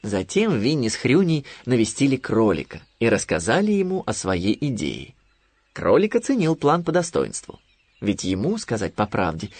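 A man narrating a children's audiobook in a lively, expressive storytelling manner. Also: lowish voice, no room sound.

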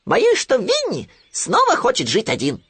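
A man voicing a small, timid, excitable male piglet with a squeaky, stammering, eager delivery. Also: measured pace, breathy edge, no echo, heavily acted. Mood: excited.

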